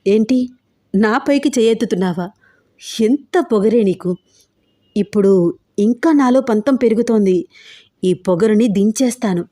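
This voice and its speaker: A woman voicing a smooth, menacing gangster. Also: mid-range voice, measured pace, pauses often, dark tone, lightly acted. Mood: obsessive. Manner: smooth, wheedling then threatening. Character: possessive menacing male gangster lover.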